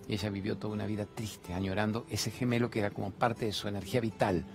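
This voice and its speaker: Argentine male TV host, low-ish voice, emphatic and rhetorical, spiritual monologue in a big studio with faint music. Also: flat delivery, quick pace, creaky. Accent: Argentine Spanish. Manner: emphatic, rhetorical questions, repeats phrases. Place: large TV studio.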